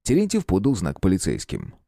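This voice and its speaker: Expressive male audiobook narrator, low voice. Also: fairly quick, gravelly, no room sound, clean studio sound. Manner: expressive storytelling. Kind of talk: scripted narration.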